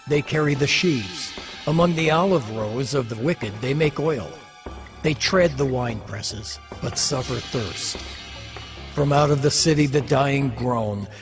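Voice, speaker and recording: In this dramatized scripture, a male actor voices Job as a solemn, anguished sufferer, bitter and defiant toward God. The pitch is middling and the sound stays close to an everyday voice, though the delivery is declamatory over prominent background music.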